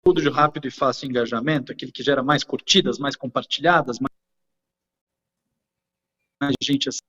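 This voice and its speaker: A man answering interview questions over a video call, speaking in a measured, halting way as his audio keeps breaking up on a poor connection. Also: mid-range voice, fairly bright tone, long reverb tail, lo-fi sound. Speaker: guest expert.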